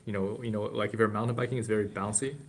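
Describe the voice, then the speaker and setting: A man's voice: on the low side, steady tone, racing, slight background noise. A man guest on a podcast, rambling with lots of fillers in casual banter.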